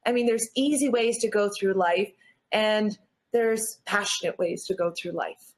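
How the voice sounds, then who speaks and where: A Canadian woman, born in Newfoundland and raised in Nova Scotia, speaks at a measured pace in a mid-range voice. A natural athlete appearing as an interview guest, she sounds earnest and encouraging in a motivational chat.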